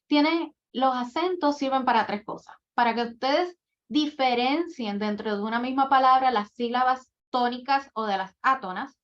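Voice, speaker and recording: A woman giving a workshop lecture, explaining writing rules step by step with example after example. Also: a little high. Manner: methodical, lists rules and examples one by one. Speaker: admissions coordinator giving a workshop. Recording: dull lo-fi recording.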